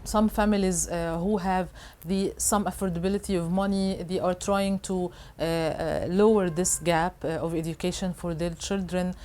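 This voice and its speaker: A woman's voice: fairly low pitch, steady tone, normal speed, few pauses, dark tone, a little hiss or hum. A woman answering interview questions in a hesitant way, with many filler sounds and restarts. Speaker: interviewed guest reporter.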